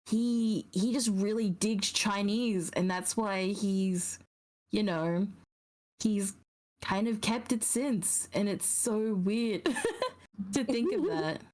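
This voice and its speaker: A woman's voice: medium pitch, takes it slowly, darkish tone. A woman streamer in casual chat, telling things in a rambling, giggly way.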